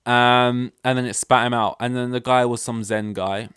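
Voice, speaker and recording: A man's voice: mid-range voice, steady tone, normal speed, a bit bright, clear, resonant tone, no echo, clean studio sound. A young man hosting a solo podcast from home, rambling offhandedly and swearing casually. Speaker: podcast host. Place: at home with his dog. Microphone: desk mic, plugged in.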